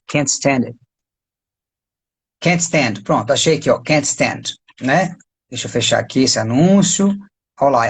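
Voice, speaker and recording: A man with a Brazilian Portuguese accent, an English teacher giving a casual live-stream lesson, chatty and full of quick tag questions. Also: a little high, husky. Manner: chatty, peppers talk with tag questions and pointers.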